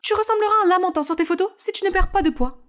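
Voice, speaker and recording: A domineering mother who manages her daughter's career, as a woman puts her on for a storybook. She sounds cutting and bossy in a high, lifted voice. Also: racing, fairly bright tone. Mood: scolding. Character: strict demanding woman, talent-manager mother. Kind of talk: storybook character voice.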